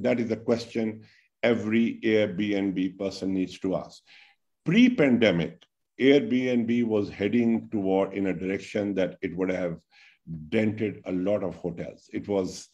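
A man's voice: on the low side, darkish tone, muffled recording. A man in his sixties with a Pakistani English accent, answering as a webinar panelist and making his case with rhetorical questions. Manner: argues point by point, rhetorical questions. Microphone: video call webcam.

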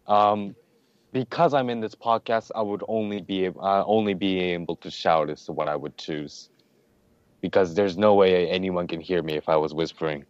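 A man's voice: steady tone, moderate pace, smooth, no echo. A man hosting a casual podcast chat, reading out would-you-rather questions to friends. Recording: dull low-fidelity sound.

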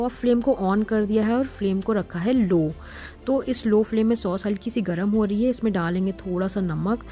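Mellow-voiced woman teaching a recipe. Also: medium pitch. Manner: calm, explanatory, addresses viewers as friends. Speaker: cooking channel host. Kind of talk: step-by-step cooking instruction. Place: home kitchen.

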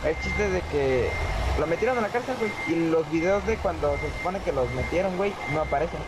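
A man's voice: fairly high pitch, lively intonation, fairly quick. A man with a Mexican accent chatting casually and slangily as he co-hosts a gameplay video. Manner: slangy, informal. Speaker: gaming video co-host. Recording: truck game noise behind. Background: truck engine and reversing beeps from game.

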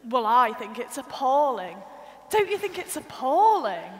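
A woman plays a fussy, indignant wife who keeps pressing her husband to agree with her. Her voice is high and climbs and dips a great deal. A long church reverb trails each line. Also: big pitch swings, measured pace, slight background noise. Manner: indignant, repeats herself insistently. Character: fussy complaining wife at a hotel window. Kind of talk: school nativity sketch acting. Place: large minster church.

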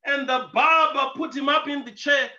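A man preacher telling a story in a sermon, emphatic, with rhetorical questions and bursts of shouting. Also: very high voice, moderate pace, far from the mic. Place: church hall. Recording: echoey dull lo-fi church recording.

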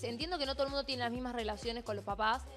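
Expressive young Argentine woman. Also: a little high, rapid-fire, soft background music. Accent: Argentine Spanish. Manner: expressive, open. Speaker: co-host.

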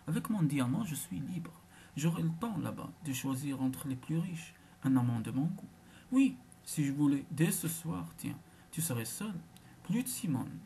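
A woman reading the part of a capricious young woman who taunts her lover, in a low half-whispered voice. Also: animated, moderate pace, vocal fry, dark tone, a little hiss or hum. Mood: taunting.

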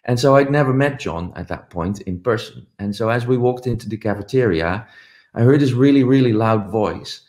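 A darkish mid-range male voice at normal speed carries this commemorative conference talk. The middle-aged speaker joins by video call from an indoor home office using a webcam, and he peppers his storytelling with lots of ums and uhs.

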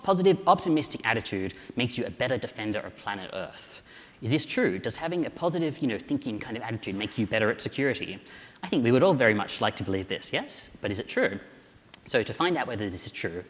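A man delivers a lively conference keynote at a quick clip, his voice sitting a little low. He keeps things playful with jokes and rhetorical questions. His voice carries a long reverb from a large hall.

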